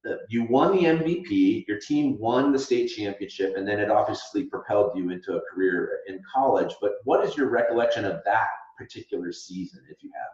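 Male podcast host, low-voiced and chatty; tinny video-call sound in an echoey room. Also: fairly quick, few pauses, a little mellow. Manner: chatty, stop-start with fillers. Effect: tinny sound from the wrong microphone. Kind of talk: casual interview over a video call. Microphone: wrong microphone on a video call.

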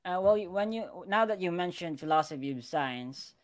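A man speaks as a podcast host in a casual live interview. His voice sits a little higher than most men's. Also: lively intonation, normal speed.

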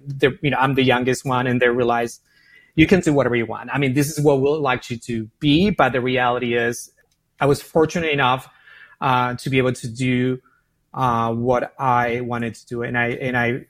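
With an Argentine Spanish accent and a mid-range voice, this Argentine founder and CEO answers an interviewer's questions animatedly, tending to repeat words as his thoughts form.

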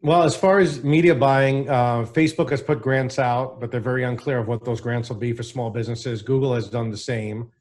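Chatty joking co-host, mid-pitched man. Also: fairly even intonation, fairly quick, few pauses, darkish tone. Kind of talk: casual panel chat.

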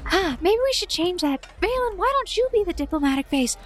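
High-voiced woman in role-play. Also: big pitch swings, brisk, faint music behind. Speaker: tabletop game player. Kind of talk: in-character tabletop role-play.

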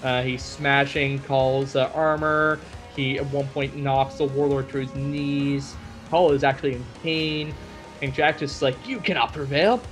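A man's voice: mid-range voice, flat delivery, unhurried, fairly bright tone, soft background music. A man hosting a podcast and recapping a story in a casual, chatty way with many fillers. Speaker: podcast host.

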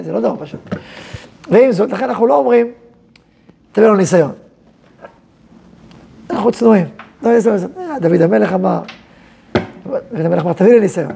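A rabbi who heads a yeshiva, giving an animated, conversational lecture to students in which he asks questions and answers them himself. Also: sits high, creaky, slightly rough.

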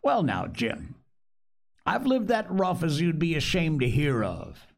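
A man's voice: a little high, huge pitch swings, measured pace, vocal fry, voice pushed up, full character voice. A man voicing a half-crazed marooned sailor in an audiobook, sly, childishly eager and talkative, with rustic, ungrammatical speech and repeated words. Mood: rambling, pious.

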